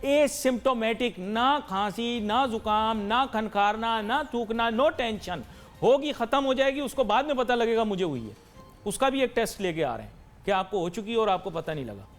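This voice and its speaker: A man's voice: high voice, lively intonation, moderate pace, faint music behind. A man hosting a TV talk show, delivering an emphatic, lecturing monologue to viewers and mixing in English phrases. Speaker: TV anchor and talk show host.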